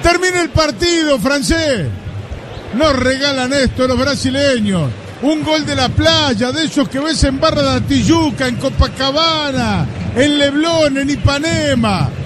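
A man's voice: very high-pitched, animated, unhurried. A man with a Uruguayan accent giving impassioned live radio match analysis, emphatic and repeating phrases for effect. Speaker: football pundit. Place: live match broadcast, crowd behind. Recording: noisy radio broadcast with stadium crowd.

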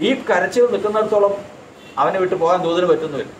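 A man's voice: high voice, fast. Man, Keralite accent, sermon, rhetorical questions, emphatic repetition, roomy church hall, faint background noise. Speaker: preacher. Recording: echoey hall, distant mic.

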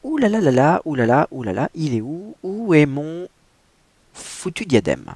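A man's voice: on the high side, huge pitch swings, measured pace, darkish tone, slightly rough, no room sound, pitched above the performer's own voice, full character voice. A man voicing a flustered young woman who stutters and exclaims frantically while hunting for her tiara. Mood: frantic. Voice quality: stuttering, repetitive.

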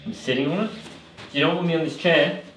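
A man's voice: fairly high pitch, brisk, fairly bright tone, soft background music. A man in his thirties questioning unseen spirits insistently and commenting to camera in a bare basement during a ghost investigation. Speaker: paranormal investigator. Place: bare basement indoors at night. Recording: echoey basement room.

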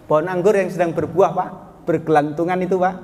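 A man's voice: a little high, fairly even intonation, a little fast, darkish tone. A man preaching a storytelling sermon to a study group, chatting with the audience, asking them questions and calling them sir. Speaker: Islamic preacher. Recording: long hall reverb, faint background noise.

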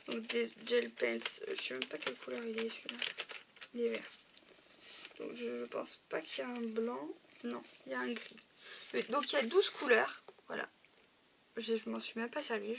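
A woman with a fairly high, gravelly voice chats her way through a casual show-and-tell of craft supplies. She keeps filling gaps with "euh" and "voilà". The recording is noisy, with packets crinkling behind her. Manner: chatty, often says "euh" and "voilà". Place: home craft room.

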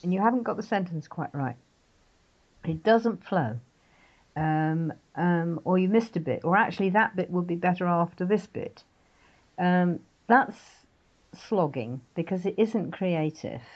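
An older woman from England talks about her writing as a radio interview guest, with a lowish voice. She is chatty and animated and often laughs. The sound is dull and lo-fi. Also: a little slow. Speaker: author guest. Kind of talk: casual interview chat.

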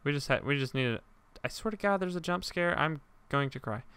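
A young man giving let's-play commentary, joking, swearing and shouting as he reacts to the game. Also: a little high, lively intonation, smooth, no room sound. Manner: jokey, profane, quick to shout. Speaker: gaming YouTuber.

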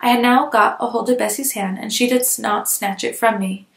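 A woman narrating a classic novel aloud in a measured, expressive reading. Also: a little high, vocal fry, reverberant. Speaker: audiobook reader. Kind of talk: literary audiobook narration.

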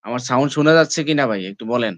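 A man's voice: mid-range voice, very fast, no echo. A man, streaming live from home on a phone and chatting casually with his viewers, asking them again and again to comment and like. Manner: repeatedly asks viewers to comment and like; calls viewers "brother" and "friends". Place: indoors, at home.

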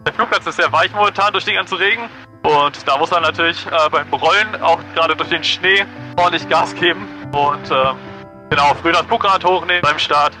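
Pilot dude on his cockpit headset, very bright voice, a bit high, keen and chatty about the view. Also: a little fast, soft background music. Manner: enthusiastic, marvels at the view. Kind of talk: casual in-flight vlog narration. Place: small plane cockpit.

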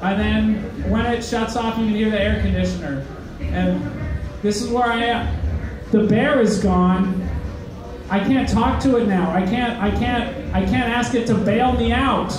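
In an echoey comedy club, a young man delivers a stand-up set at a measured pace in a high voice. He's hesitant and runs himself down, dropping lots of "uh"s. His mic sounds distant, and the crowd laughs and heckles.

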